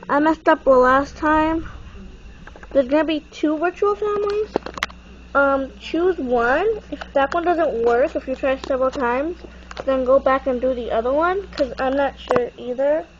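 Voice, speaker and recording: High-voiced young woman, stuffy nose. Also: unhurried. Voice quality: stuffy, congested-sounding nasal voice. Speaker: tutorial presenter. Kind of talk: casual unscripted how-to walkthrough. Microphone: handheld phone. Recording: muffled, noisy phone camera recording.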